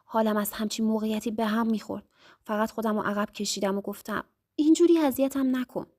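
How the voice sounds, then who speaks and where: A woman narrating a first-person story in an intimate, lively storytelling manner. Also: mid-range voice.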